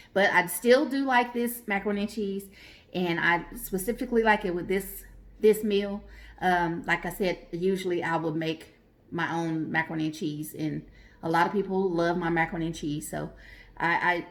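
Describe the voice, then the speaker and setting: A woman vlogger from Oklahoma, chatting casually and rambling as she thinks aloud in a mukbang video. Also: on the low side. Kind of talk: casual mukbang vlog talk.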